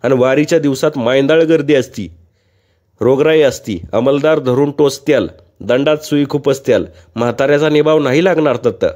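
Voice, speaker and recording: A man voicing a sharp-tongued young village woman who scolds in a tart manner. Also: medium pitch, normal speed, natural voice. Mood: scolding.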